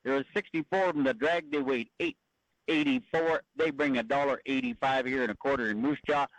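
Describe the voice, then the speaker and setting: Male livestock reporter, folksy colloquial delivery, mid pitch, dry recording. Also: steady tone, fairly quick, no echo, rough recording. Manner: plain-spoken, colloquial. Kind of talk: folksy radio market report.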